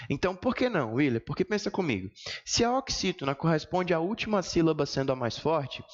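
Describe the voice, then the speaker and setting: A male Brazilian Portuguese teacher explains exam questions to his students, often pointing things out with "ó" and drawing out syllables to show where the stress falls. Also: fairly high pitch. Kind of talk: exam-prep lesson explanation. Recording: reverberant room, dull lo-fi sound.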